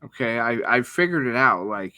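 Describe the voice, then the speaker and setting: A man's voice: mid-range voice, expressive, normal speed, sharp tone, no room sound. A man in his thirties co-hosting a podcast, talking in a crude, joking way and swearing a lot. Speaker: podcast co-host. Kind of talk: casual crude chat.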